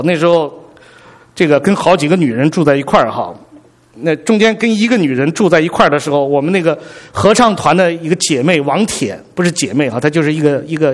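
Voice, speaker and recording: A man preaching a sermon as pastor, telling stories animatedly and speaking straight to the congregation. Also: on the high side. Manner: animated storytelling preacher, addresses the congregation directly.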